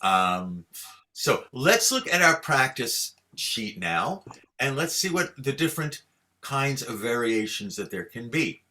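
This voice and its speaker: This man's voice sits at medium pitch, sing-song, pushed and bright, as he leads a Torah chanting class by video call. Patient and encouraging, he explains the material and sings every sign slowly for his students to echo back.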